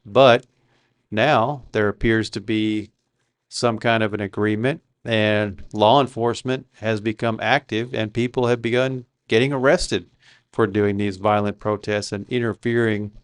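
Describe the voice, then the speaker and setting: Indignant low-voiced male commentator. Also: fairly even intonation, unhurried, clean tone, no room sound, studio quality. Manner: indignant, with frequent "uh" fillers. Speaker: political commentator. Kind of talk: casual political commentary.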